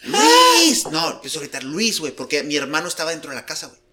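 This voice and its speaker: A man's voice: a little high, steady tone, very fast, bright, forceful tone. A young man with a northern Mexican accent hosting a podcast, telling a story in casual chat, swearing a lot and saying "güey" constantly. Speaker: podcast host.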